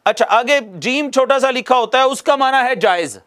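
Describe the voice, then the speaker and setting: High-voiced male recitation teacher. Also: animated, normal speed, fairly bright tone. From Pakistan. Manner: patient, repeats key phrases for emphasis. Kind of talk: video lesson to viewers.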